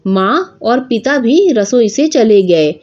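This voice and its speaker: Slow, expressive woman storyteller. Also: fairly high pitch. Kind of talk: scripted narration. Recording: dull lo-fi with faint music.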